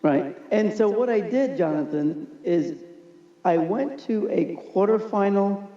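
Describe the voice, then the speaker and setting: A man telling animated stories as a podcast guest, often laughing as he talks. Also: high voice, unhurried. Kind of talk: casual storytelling. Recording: echoey, muffled room recording.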